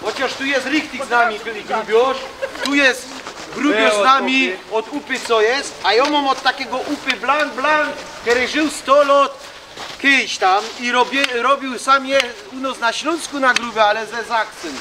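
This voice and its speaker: A man's voice: extremely high pitch, unhurried. A man with a Silesian accent giving an informal public talk in dialect as a reenactor. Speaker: mining reenactment group member addressing visitors. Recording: noisy outdoor ambience.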